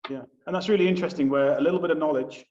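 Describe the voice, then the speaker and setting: A man interviewing a guest, talking rapidly and enthusiastically, restarting and rushing on. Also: a little high, darkish tone, roomy sound, far from the mic, muffled recording. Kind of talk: interview questions.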